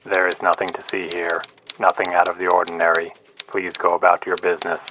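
Actor as deep, utterly monotone entranced reporter. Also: male voice, fairly quick, noisy background, natural voice. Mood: blank. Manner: droning, expressionless monotone. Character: entranced male field reporter, robotically repeating himself. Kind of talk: old-time radio news parody.

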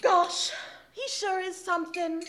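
A woman's voice: very high voice, steady tone, a little slow, heavy background noise. A woman playing a breathless, swooning 1940s gal. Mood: teasing. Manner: breathless, swooning over the hero. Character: gossipy excitable young 1940s woman friend. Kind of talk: 1940s radio acting.

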